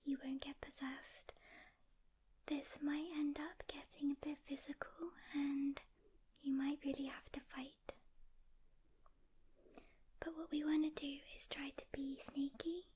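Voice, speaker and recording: Speaking in a soft whisper with a high voice, a woman gets close to the mic for an ASMR scenario. Her character, a caring, calm demon hunter, reassures a rookie gently, with pauses.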